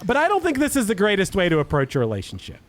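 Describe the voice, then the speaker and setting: A man's voice: high voice, rapid-fire. A man hosting a casual music podcast, talking animatedly and laughing often. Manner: animated, laughing often, reads song lyrics aloud. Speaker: podcast host.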